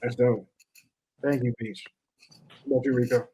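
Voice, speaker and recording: A man's voice: mid-range voice, fairly even intonation, moderate pace, dark tone. A man hosting a casual fight interview, asking questions in informal, slangy talk.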